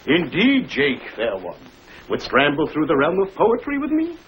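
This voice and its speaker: An actor playing a teasing husband in an old broadcast comedy, hamming it up with mock-grand theatrical sarcasm. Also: male voice, high-pitched, wildly swooping pitch, unhurried, lo-fi sound, full character voice. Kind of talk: old-time broadcast comedy-drama acting. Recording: faintly noisy vintage broadcast recording.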